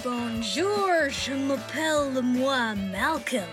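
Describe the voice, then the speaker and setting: Cartoon English exchange boy voiced by a woman, broken French, English accent, slow, high. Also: expressive, over music, exaggerated voice. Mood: polite, halting. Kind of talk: cartoon voice acting.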